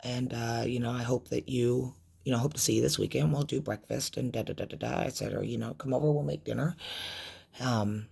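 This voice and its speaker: A middle-aged woman telling a personal story in a vlog, in a halting, emotional way with many restarts and trailing phrases. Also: very deep voice, fairly even intonation, vocal fry, dark tone, slightly rough. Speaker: vlogger recounting a loss.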